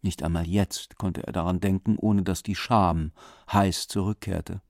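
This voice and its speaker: A man's voice: deep voice, fairly even intonation, measured pace, no room sound, clean studio sound. A man reading an audiobook aloud as scripted narration, voicing the dialogue with shifts in his voice.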